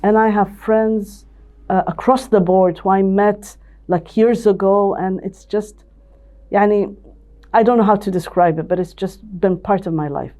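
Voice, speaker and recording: With a mellow, mid-range voice, fairly even intonation and a slightly slow pace, an older Ethiopian woman recounts her life as an interview guest. She is a company CEO and managing director, and she often restarts and repeats words.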